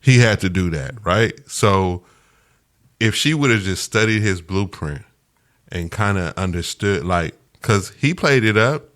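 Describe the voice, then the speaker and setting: A man's voice: on the low side, lively intonation, unhurried, a bit bright. A man co-hosting a podcast, talking casually and emphatically, often saying "bruh". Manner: loose, emphatic, peppers talk with "bruh". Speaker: podcast co-host. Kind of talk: casual chat.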